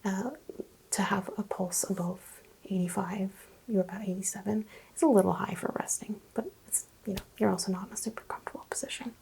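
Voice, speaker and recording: A woman whispers close to the mic as a calm doctor in an ASMR exam roleplay. Her voice is mellow and slightly gravelly, with a faint hiss of noise behind it. She speaks in soft, clinical, reassuring instructions. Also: mid-range voice, a little fast, low-quality recording.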